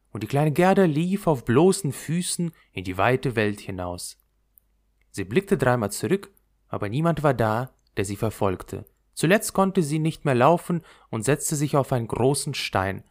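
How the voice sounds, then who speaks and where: Expressive male fairy-tale reader. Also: mid-range voice. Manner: expressive, melodic storytelling. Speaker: narrator.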